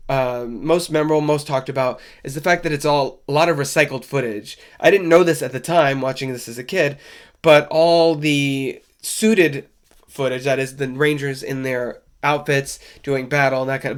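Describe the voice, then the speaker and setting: Congested from a cold, a podcast host with a smooth, mid-range voice chats casually in a solo review of a show. He's wry and conversational, loose and rambling.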